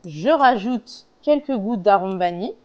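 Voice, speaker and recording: A woman's voice: medium pitch, animated, unhurried, dull audio. A woman casually talking through a recipe step by step as a home cook, in a hesitant, explanatory way. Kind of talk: casual cooking tutorial, talking through steps.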